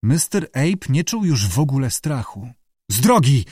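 An expressive male narrator reads a story, his voice rising and falling with a lively, animated lilt. The recording is close and dry, with no room echo. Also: mid-range voice, moderate pace, slightly rough. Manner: lively storyteller who acts out characters. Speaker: audiobook narrator.

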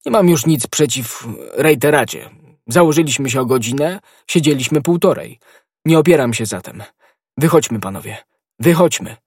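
A man reading the part of a calm, stern nobleman musketeer in an audiobook, with dry, measured scorn. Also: medium pitch, husky, no room sound. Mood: resolute.

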